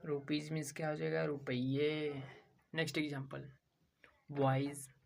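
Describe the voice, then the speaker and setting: His voice is on the high side yet gravelly and darkish, with little pitch movement and a slightly slow pace. This English teacher from India spells words letter by letter, repeats each one in a drill, and asks questions only to answer them himself.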